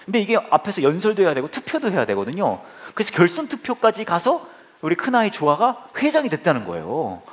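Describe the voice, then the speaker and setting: A man's voice: sits high, huge pitch swings, fast. A man in his forties preaching a sermon, telling humorous family stories and speaking directly to the congregation. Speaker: pastor.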